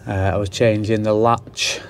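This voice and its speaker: A man's voice: lowish voice, little pitch movement, a little slow, noisy background. A young man, an electrician, chatting casually to a handheld camera as he works indoors, rambling and joking at his own expense. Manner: chatty, self-mocking, rambling asides. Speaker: electrician vlogger. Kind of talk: casual commentary while working. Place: indoors at a house job. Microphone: handheld camera mic.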